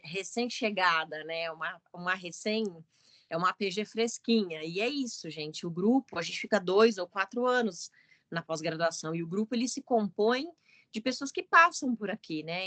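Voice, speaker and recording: A woman's voice: mid-range voice, a bit bright, no room sound. A woman hosting an online student meeting, welcoming newcomers in a chatty, casual way over a video call. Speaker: meeting host, student association coordinator.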